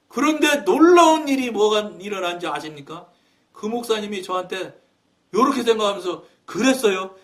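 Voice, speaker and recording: A high-pitched man preaches a testimony, telling his story with energy and acting out what others said. He is recorded from some distance from the mic. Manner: animated storytelling with acted quotes. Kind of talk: testimony sermon.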